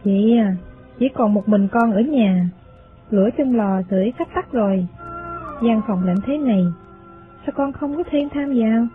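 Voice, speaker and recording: A worried middle-aged mother played by a male narrator with a high, put-on voice, coaxing and reassuring with quiet anxiety. The audio is narrow and phone-like, with faint music behind it. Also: moderate pace, natural voice. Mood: anxious coaxing. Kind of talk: audiobook character voice.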